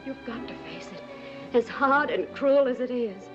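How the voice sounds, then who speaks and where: An actress playing a gentle middle-aged mother speaking tenderly in a 1940s film. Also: on the high side, moderate pace, over music, lightly acted. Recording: muffled old film soundtrack.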